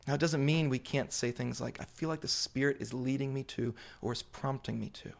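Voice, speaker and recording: A man preaching a sermon to a congregation, explaining scripture in deliberate, emphatic phrases with pauses, repetition and rhetorical questions. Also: medium pitch, vocal fry. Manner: rhetorical questions put to listeners. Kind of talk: sermon, Bible exposition to a congregation.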